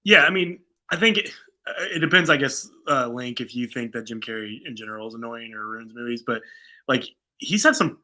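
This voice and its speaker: With a very bright, punchy voice at typical male pitch, a man talks briskly like a co-host on a laid-back fan show. It's a casual film discussion, and he stays informal and conversational, loosely weighing opinions as he goes.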